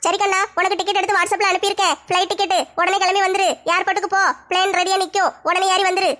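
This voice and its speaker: Lady doing a high bright mom coaxing her kid, pushy. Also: little pitch movement, quick pace. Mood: urgent. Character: wheedling mother on the phone.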